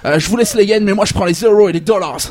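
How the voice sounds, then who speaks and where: A man's voice: high-pitched, very fast, close to an everyday voice. A man playing a boastful, greedy manga author with a Belgian accent, stammering through heavy franglais. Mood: taunting. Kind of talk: comic parody interview.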